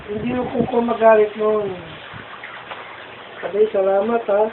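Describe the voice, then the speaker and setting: A woman's voice: mid-range voice, steady tone, measured pace. A young adult woman, a family member, patiently asking questions in casual family chat. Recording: tinny phone-like audio with clear noise.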